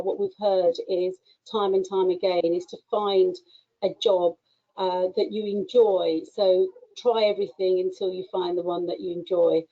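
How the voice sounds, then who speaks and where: Encouraging woman interviewer, lo-fi sound. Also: mid-range voice. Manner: encouraging, affirming replies. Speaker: interviewer, event host. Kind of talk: online interview. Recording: dull lo-fi audio.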